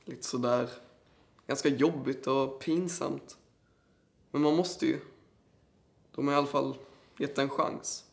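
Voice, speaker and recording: A man's voice: medium pitch, fairly even intonation, vocal fry, pauses often, natural voice. A teenage actor playing a boy with cancer, talking casually and bluntly in slang. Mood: awkward. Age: teens. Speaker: teen cancer patient. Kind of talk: scripted drama, interview confessional. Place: living room indoors.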